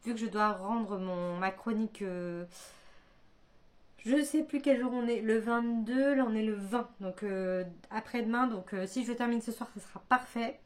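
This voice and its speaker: A woman's voice: a little high, steady tone, normal speed, darkish tone. A woman chatting casually in a book vlog, hesitant and thinking aloud, full of fillers and restarts. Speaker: book vlogger. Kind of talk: casual chat.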